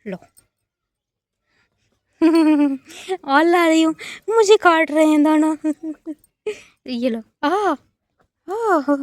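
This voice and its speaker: A young woman talks in a casual vlog, her voice high and bright. The sound is dry and close, with no room echo. She speaks playfully and coaxingly, as if feeding animals outdoors in a village. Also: slow pace. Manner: playful, coaxing talk to calves, laughs often. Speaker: village vlogger. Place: outdoors at a village cattle shed.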